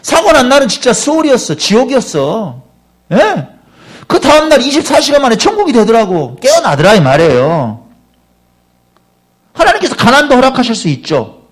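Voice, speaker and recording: A man's voice: very high-pitched, huge pitch swings, moderate pace. A middle-aged male pastor preaching a Sunday sermon at a church service, asking his congregation questions directly.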